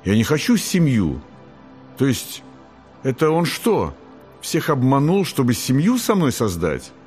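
A man voicing a lively young angel girl in an audiobook, his voice raised high and quick to protest. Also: faint music behind. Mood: worried. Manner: excited and protesting.

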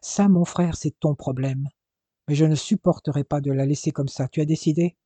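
A man reading aloud as a furious young man who talks in sharp, raised, scolding bursts. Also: on the high side, steady tone, normal speed, no echo, close to an everyday voice. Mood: impatient.

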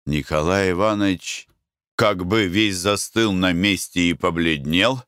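Low, smooth-voiced male narrator. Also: a little slow, a bit bright, dry recording, studio quality. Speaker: audiobook narrator. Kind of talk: scripted narration.

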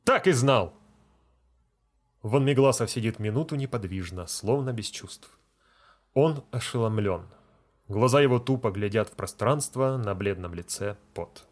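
A man narrating a classic short story in a steady reading voice. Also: on the low side, normal speed.

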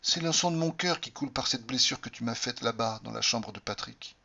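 A man reading an audiobook voices a pale, tearful young woman who speaks high, breathless and pleading. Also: fairly quick, creaky, sharp tone, breathy edge, full character voice. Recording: slightly dull lo-fi recording.

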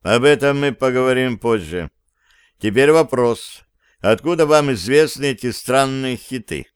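A man's voice: medium pitch, animated, unhurried, smooth, no echo, clean studio sound, close to an everyday voice. A man voicing a stern, exasperated chief who scolds and questions his unruly team in an audiobook. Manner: scolding, interrogating.

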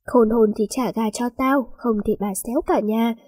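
A woman voicing a miserly old village woman who yells curses, in a spoken story. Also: a little high, fairly even intonation, moderate pace, slightly rough, dry recording. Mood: threatening. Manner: yelling curses.

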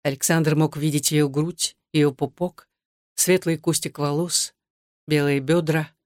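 An audiobook narrator reading a novel in a steady, even storytelling manner. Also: medium pitch, measured pace, no room sound, studio quality. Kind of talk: scripted narration.

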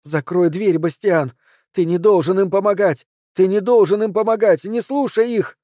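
Séance woman losing control, shrill and desperate, put on by a male audiobook reader, dry close mic. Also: sing-song, moderate pace, warm tone, no echo. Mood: frantic. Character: panicked woman medium, shrill, pleading. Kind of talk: audiobook character voice.

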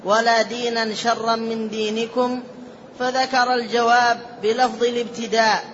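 During a lesson, a student with a very high male voice reads a classical text aloud, formal and measured, carefully marking each vowel while his delivery stays flat and even. The muffled, dull lo-fi recording has a faint hiss.

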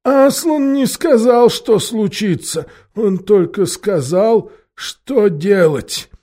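A man voicing a gloomy male marsh creature who speaks with drawn-out caution. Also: high-pitched, expressive, dark tone, pitched above the performer's own voice, full character voice. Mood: grave.

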